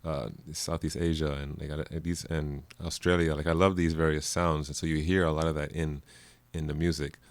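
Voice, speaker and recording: A man from Jamaica with a very deep voice chats casually as a guest, rambling with plenty of fillers and easy laughter. The recording is dry and close. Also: normal speed, few pauses, no room sound. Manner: laughs often, relaxed rambling with many fillers. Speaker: musician guest. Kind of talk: casual interview chat.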